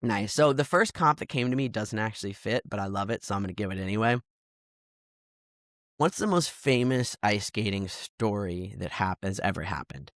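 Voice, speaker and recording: A man's voice: on the low side, normal speed, dry recording, clean studio sound. A man co-hosting a podcast, chatting playfully and animatedly. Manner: animated, playful, laughs easily. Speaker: podcast co-host. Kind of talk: casual chat.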